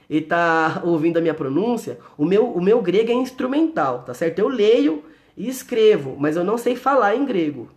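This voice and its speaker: A man teaching the Bible live to an online audience, explaining Greek words step by step, reading verses aloud, answering viewer comments and checking in with listeners often. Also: high-pitched.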